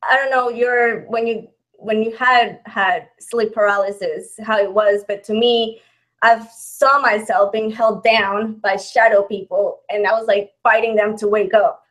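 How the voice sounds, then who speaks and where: The audio is poor, but you can hear a mid-range, fairly bright voice with fairly even intonation and a slightly slow pace. It belongs to a chatty channel host, a woman in her thirties from Mexico with a Mexican-Texan accent, who reads out viewer questions, laughs often and restarts phrases.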